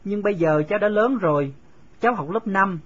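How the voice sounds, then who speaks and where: A man's voice: sits high, fairly quick, lo-fi sound, pitched above the performer's own voice. A man reading the part of a stubborn little schoolgirl who keeps pressing with questions. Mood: sulky. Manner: insistent, sulky questioning. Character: stubborn pleading little girl, fifth grader.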